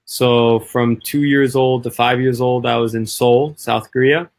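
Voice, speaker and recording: A chatty man from the northeastern United States tells stories in a relaxed guest conversation. His voice sits in an ordinary middle pitch, and he talks quickly, peppering his speech with "like" and "you know.". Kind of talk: casual conversation.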